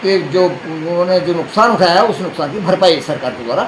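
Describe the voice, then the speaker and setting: Brief: man, slightly high voice, formal earnest protest, echoey noisy room. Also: brisk. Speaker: party official giving a statement. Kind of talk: speaking to a reporter.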